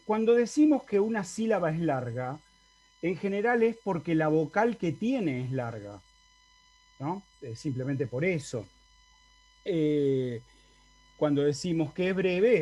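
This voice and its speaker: A man with an Argentine Spanish accent teaches a university Latin class over a video call, explaining step by step and often checking in with his students. His voice is on the high side and a little mellow, with lively intonation and a slightly slow pace.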